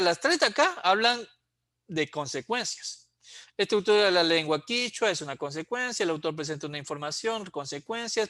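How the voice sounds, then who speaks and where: Man, exam prep teacher, keeps asking "¿sí?", bright tone, dry recording. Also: on the high side, no room sound. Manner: explains patiently, checks in with a frequent "¿sí?".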